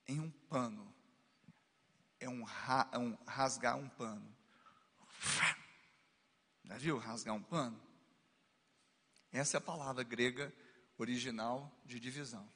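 A man's voice: medium pitch, sharp tone, husky. A middle-aged man with a Brazilian Portuguese accent, preaching a sermon as pastor with playful asides and rising exclamations. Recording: long hall reverb.

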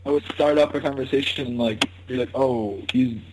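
A man with an American accent chatting casually as an interviewee, thinking aloud in a halting, informal way. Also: mid-range voice, steady tone, heavy background noise. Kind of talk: casual chat.

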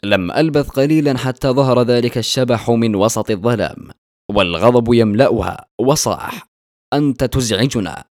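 Male narrator, grave and measured dramatic storytelling, dry close sound, mid-pitched voice. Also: a little mellow, dry recording.

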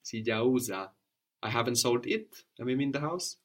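A man's voice: mid-range voice, lively intonation, normal speed. A man teaching a one-on-one language lesson, patiently prompting questions and repeating his student's answers.

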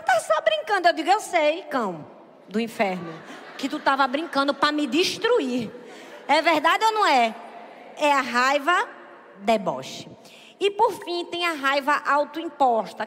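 High-voiced woman preaching with long reverb. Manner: lively, asks the audience "é verdade ou não é?"; acts out quoted people in a raised voice. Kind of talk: sermon.

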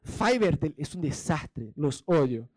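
A man's voice: on the high side, sing-song, slow pace, darkish tone, no room sound. A man from Brazil preaching a sermon, chatty and direct, acting out little anecdotes with quoted voices. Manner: storytelling with acted-out quotes; chatty, addresses listeners directly.

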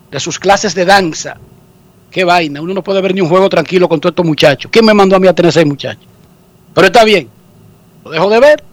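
A high-voiced man with a Dominican accent hosts a sports call-in show, lively and joking. He talks fast and playfully. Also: no room sound. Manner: joking, theatrical mock sobbing. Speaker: sports radio host. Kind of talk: comic sports talk radio.

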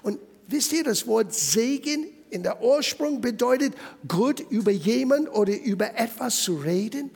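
High, lively-voiced male preacher in a hall. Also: unhurried, gravelly, slightly rough. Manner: emphatic preaching, addresses listeners directly. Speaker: pastor. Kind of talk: sermon.

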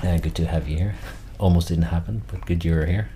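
A man's voice: deep voice, fairly even intonation, a little fast, mellow, a little hiss or hum. A man hosting a casual podcast interview, rambling and self-deprecating as he sets things up. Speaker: podcast host.

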